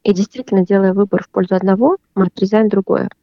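A woman psychotherapist giving calm, measured advice on a radio program. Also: mid-range voice, no room sound, muffled recording.

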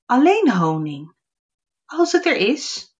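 A woman voicing a gentle, ethereal female fairy in a storybook reading, soft and patient. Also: high-pitched, very animated, slow, voice pushed up, exaggerated voice.

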